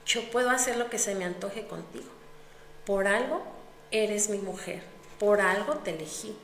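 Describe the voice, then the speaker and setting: A woman's voice: mid-range voice, normal speed, a bit bright, lightly acted. A woman voicing an abusive, threatening husband who talks in a scornful, commanding way, in a roomy space with long reverb. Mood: menacing. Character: abusive threatening husband, man, domineering and cruel. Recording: roomy echo with long reverb, faint noise.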